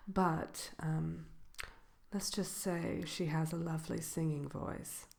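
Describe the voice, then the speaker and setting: A woman voicing the Wicked Witch as a haughty yet gracious shopkeeper in a soft ASMR role-play, genteel and coy, often slipping into a whisper. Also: low-pitched, steady tone, exaggerated voice. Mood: coy, confiding. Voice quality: creaky, breaking into whisper. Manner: unhurried, hesitant pauses, genteel, coy.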